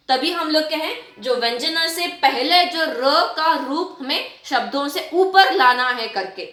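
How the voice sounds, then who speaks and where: A woman teacher explaining a writing lesson to children, repeating and stretching out example words slowly. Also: high voice, pushed and bright, reverberant. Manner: repetitive, drawn-out word demonstrations, addresses children often.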